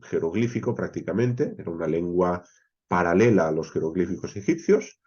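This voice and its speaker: Man, Bible class teacher, lively low voice, mellow tone, slightly muffled sound, checks in with listeners. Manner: explains step by step, often checking in with "¿vale?" and "¿bien?"; pauses often with "eh" fillers. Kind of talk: expository Bible class lecture.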